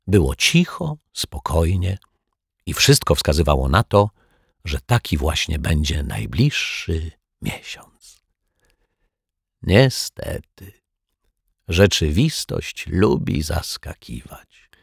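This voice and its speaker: A man narrating a children's audiobook as an expressive storyteller. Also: extremely low pitch, slow pace, vocal fry, long pauses, slightly rough, no echo, clean studio sound.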